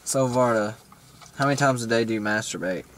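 A man's voice: mid-range voice, a little fast. A young man co-hosting a crude comedy show, teasing his friend with wisecracks. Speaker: co-host.

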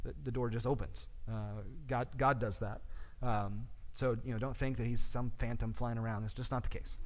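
Conversational church Bible study teacher. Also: male voice, mid-range voice, normal speed, big-room sound. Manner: conversational and animated, with frequent fillers.

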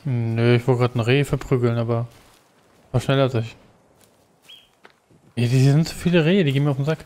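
Guy just chatting while he plays a game, mellow relaxed voice. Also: mid-range voice, brisk. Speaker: let's play gamer. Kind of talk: casual gaming chat with a co-player.

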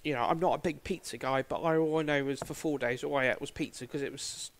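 A man's voice: a little high, steady tone, fast, slight background noise. A man with an English accent giving casual, bantering darts commentary in a chatty way, often repeating his phrases. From England.

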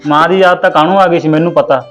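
Guy doing sweet big brother, quick comforting talk. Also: on the high side, fairly even intonation, faint music behind, close to an everyday voice. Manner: warm, comforting. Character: kind loving young brother, working man.

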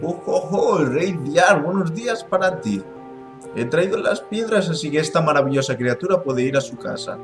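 A man voicing an excitable old male wizard in a game, theatrical and grand. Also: on the high side, moderate pace, over music, voice pushed up, lightly acted.

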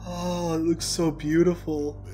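A man's voice: fairly high pitch, animated, normal speed. A man hosting a reaction video with enthusiastic, exclamatory commentary. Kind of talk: excited live reaction commentary. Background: music.

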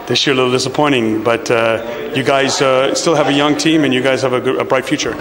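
A man's voice: mid-range voice, fairly even intonation, fairly quick, crowd noise, rough recording. A man interviewing players and coaches after a game, asking casual questions. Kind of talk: postgame questions. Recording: arena noise behind.

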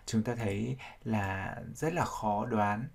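This man teaches English vocabulary, breaking each sound down step by step and repeating words as drills. His voice is fairly low and creaky, and he takes it slowly.

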